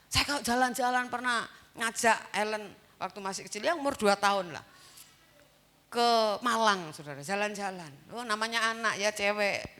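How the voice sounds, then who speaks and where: A woman's voice: medium pitch, bright, forceful tone. A middle-aged woman pastor preaching a sermon in an East Javanese accent, often calling out to the congregation. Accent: East Javanese Indonesian. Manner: emphatic preaching, calls out "saudara" to the congregation. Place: church.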